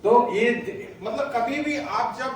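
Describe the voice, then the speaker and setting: Energetic trainer guy, kinda high voice, sounds far off in a big echoey hall. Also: slow, crowd noise. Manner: energetic, drills the audience to answer loudly. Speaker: sales trainer. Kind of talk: motivational training talk on stage. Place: hall with a stage.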